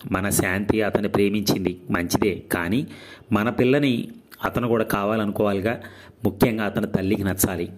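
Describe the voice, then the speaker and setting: A man's voice: lowish voice, fairly even intonation, normal speed, lightly acted. A man reading aloud voices a solemn elderly grandfather who heads the family. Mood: grave. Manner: solemn, grave.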